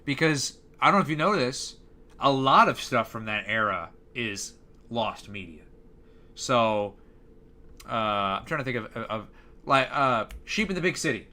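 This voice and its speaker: A man's voice: mid-range voice, lively intonation, unhurried, bright, forceful tone. A young man chatting casually on a live stream, rambling and hesitant, with lots of fillers.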